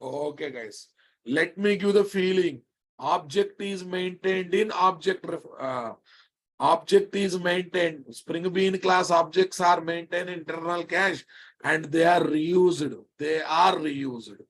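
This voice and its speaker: A man with a Telugu Indian accent teaches a live technical class in a somewhat high-pitched voice. He is emphatic and repeats himself often. He prods and chides his students with insistent questions. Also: slow pace, fairly bright tone. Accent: Telugu Indian English. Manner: emphatic, repetitive, chiding, prodding students with questions. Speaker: programming instructor.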